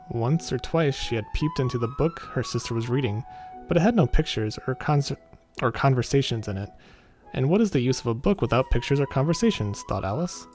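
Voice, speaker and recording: A male gaming host reads a visual novel aloud over a clear music bed, his medium-pitched, darkish voice informal as he adds off-the-cuff comments. He stumbles over the text now and then and rereads it.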